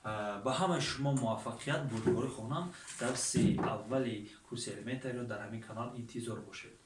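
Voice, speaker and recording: A man's voice: mid-range voice, noisy background. Male English tutor, Tajik accent, patient filler-heavy delivery, distant roomy sound. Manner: plain, patient explanations with frequent fillers. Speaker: English teacher. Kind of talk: teaching an online course. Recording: echoey room from far off.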